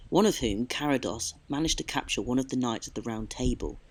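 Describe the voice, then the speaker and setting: A man talks a little fast in a medium-pitched voice, with background noise audible, while presenting his storytelling travel vlog from the countryside. His delivery is theatrical, part narration and part talk recorded on location.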